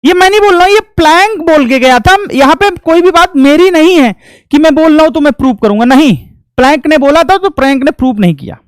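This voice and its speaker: A man's voice: very high voice, animated, fairly quick, no room sound. A man teaching a physics lecture in a homely, folksy way, asking each point back as a question and answering it himself. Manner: homely, folksy explanations with sound effects. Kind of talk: classroom lecture.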